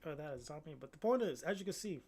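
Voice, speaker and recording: A man's voice: a little high, expressive, fast talker, a little mellow, slightly rough. A young man chatting casually, laid-back and slangy, often calling others "bro". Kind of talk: casual chat.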